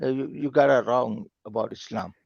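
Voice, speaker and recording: A man calling in to a live call-in show over a call line, speaking haltingly in simple, broken phrasing with many repeated words. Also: mid-range voice, gravelly, a little mellow, no echo. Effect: call-in caller heard over a lo-fi call line. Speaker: call-in caller. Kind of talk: casual debate on a call-in stream. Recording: dull lo-fi call audio.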